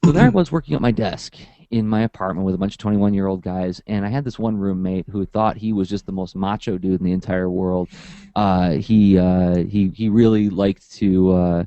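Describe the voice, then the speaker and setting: Animated, verbose man on a dull recording. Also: sits low, moderate pace, no room sound. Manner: animated and verbose, acts out quotes. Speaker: comics artist and workshop teacher. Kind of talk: casual conversation, storytelling.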